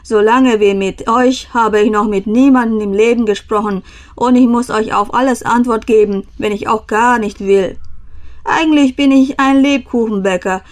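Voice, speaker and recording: A surly bearded broom-maker from a fairy tale, as a woman reading aloud voices him. He grumbles his answers gruffly, though the voice stays fairly high. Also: natural voice. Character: grumpy bearded male broom-maker, middle-aged.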